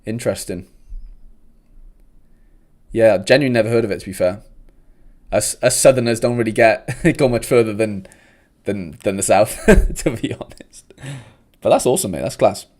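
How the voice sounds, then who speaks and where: A man's voice: fairly low pitch, moderate pace, pauses often, a little mellow. A young man from South Wales with a South Welsh accent, hosting a casual livestream and chatting with viewers in a laid-back way. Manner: chatty, laid-back, uses "mate" often. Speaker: host.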